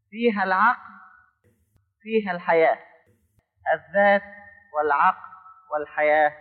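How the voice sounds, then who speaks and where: A man's voice: extremely high pitch, phone-quality sound. A man with an Egyptian Arabic accent giving a theological teaching sermon, explaining by asking questions and answering them. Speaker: preacher.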